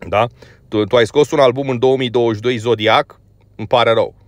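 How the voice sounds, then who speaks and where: A man's voice: mid-range voice, fairly even intonation, no room sound. A man from Romania giving a blunt, scolding opinion monologue about a band, full of filler words. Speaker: music commentator.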